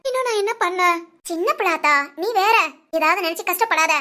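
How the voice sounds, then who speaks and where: A woman voicing a kindly older village woman who soothes and gently scolds a grieving mother in a Tamil short story. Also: very high voice, animated, brisk, full character voice. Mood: soothing.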